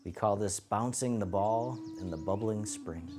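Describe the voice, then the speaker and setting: Low-voiced man guiding tai chi over music. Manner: gentle, encouraging, unhurried phrasing. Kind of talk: guided movement lesson, calm step-by-step cueing. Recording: music playing behind the voice.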